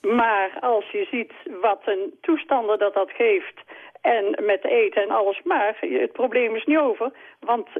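A woman phones in to a radio talk show, and her voice comes through a narrow, tinny phone line. She argues her case earnestly, pausing and hesitating as she goes. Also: fairly high pitch. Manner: earnest, repeats her point, speaks with hesitations. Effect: heard over a phone line on the radio. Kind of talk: opinionated call-in talk.

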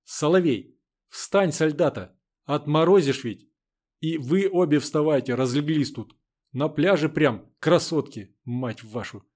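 A man reading the part of a grumbling older mechanic who teases the girls gruffly. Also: a little high, sing-song, slow pace, darkish tone, exaggerated voice. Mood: gruff teasing. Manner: gruff, teasing.

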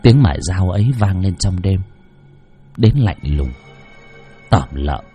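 A man's voice: lively intonation, slow pace, dark tone, faint music behind. A man narrating a horror story dramatically. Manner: dramatic, shifting pitch for effect.

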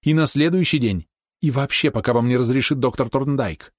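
A man's voice: medium pitch, fairly quick, no room sound, studio quality, pitched above the performer's own voice, lightly acted. Man voicing a frightened pleading young woman. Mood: earnest imploring. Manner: urgent, hushed, imploring.

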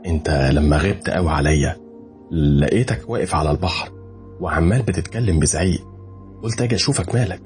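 Loyal young friend, anxious and caring, voiced by the narrator; Egyptian Arabic accent, low voice. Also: male voice, fast talker, a little mellow, soft background music, lightly acted. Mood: explaining.

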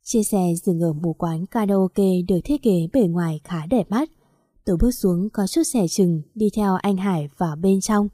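A woman reading a first-person story aloud in a steady, even storytelling manner. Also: mid-range voice, no echo, clean studio sound. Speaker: story narrator.

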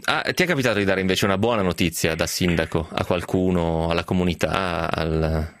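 A man's voice: low-pitched, brisk, no echo. A man hosting a radio show, telling a story with wry rhetorical asides and then interviewing a caller by phone. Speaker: radio host.

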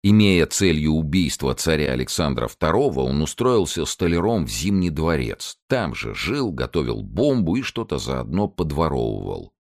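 Deep-voiced man reading a wry story. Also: very animated, moderate pace, few pauses, dry recording, studio quality. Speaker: audiobook narrator. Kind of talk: scripted narration.

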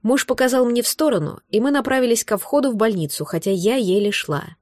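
A woman reading a novel aloud in the first person, with steady, expressive storytelling. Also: on the high side, a little fast, no echo, clean studio sound. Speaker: audiobook narrator.

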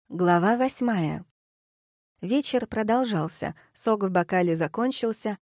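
A young woman narrating a first-person audiobook in a lively, self-mocking inner-monologue manner, on a close studio mic. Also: medium pitch, dry recording.

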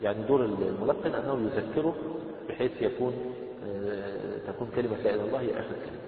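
A man with an Egyptian accent explaining a religious text to his class. He reads the passage slowly, then explains it in everyday speech. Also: on the low side. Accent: Egyptian Arabic. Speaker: religious teacher. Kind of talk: explaining a jurisprudence text in a lesson. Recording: tinny, echoey hall recording from far off.

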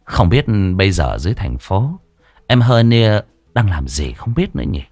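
A man narrating a scripted ghost story in a lively, expressive way. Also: lowish voice, moderate pace, breathy edge, dry recording, soft background music.

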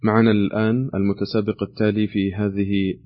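A man's voice: on the low side, little pitch movement, a little fast, dull audio. A man hosting a call-in quiz, reading questions aloud and patiently repeating the options. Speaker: quiz show host.

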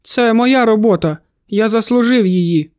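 A man's voice: sits high, normal speed, darkish tone, dry recording, studio quality, lightly acted. A man voicing a grieving young man in an audiobook, blunt and stubborn. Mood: bitter. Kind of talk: audiobook character voice.

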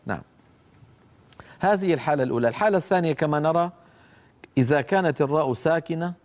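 Explaining a didactic poem on the rules of Quranic recitation, a middle-aged man speaks in a slightly high voice with a darkish tone. He questions his students and slowly draws out the example words he recites.

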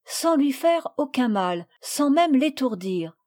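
A woman reading aloud, voicing a calm, gentle mother who explains things patiently to children in a storybook. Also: sits high, slow pace, pitched above the performer's own voice, exaggerated voice.

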